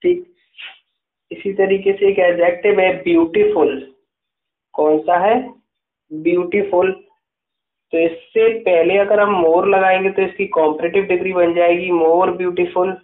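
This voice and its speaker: A man with a high-pitched voice teaches a grammar class and dictates notes slowly and patiently. He keeps checking in with his students. The sound is echoey and tinny, as if from a phone in a bare room. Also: steady tone. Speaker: English teacher.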